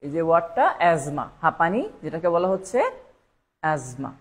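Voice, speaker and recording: Her voice low-pitched and her pace brisk, a woman teaches English spelling online, live, as exam preparation. She goes over each word repeatedly and spells it out one letter at a time.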